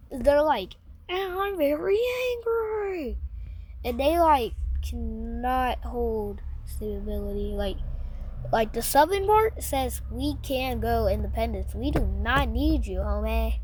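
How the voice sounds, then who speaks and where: High-pitched woman rambling over a map. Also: poor audio. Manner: rambling, filler-heavy, slangy and playful. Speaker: mapping channel narrator. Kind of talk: casual commentary over a map animation.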